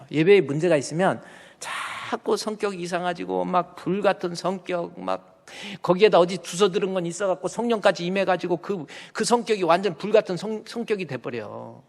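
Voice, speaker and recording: A male pastor in his fifties delivers a folksy, animated sermon in a high-pitched voice. His words ring out through a church with a long, hanging reverb. He drifts easily between preaching and homespun storytelling. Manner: folksy and animated, acting out family stories. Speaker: senior pastor. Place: church sanctuary.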